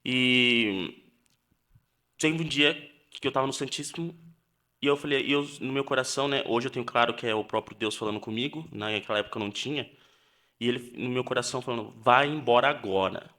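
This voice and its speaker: A young Brazilian man, a seminarian, giving an earnest personal testimony on a podcast, halting and restarting as he tells it. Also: medium pitch, pushed and bright. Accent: Brazilian Portuguese. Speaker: seminarian guest.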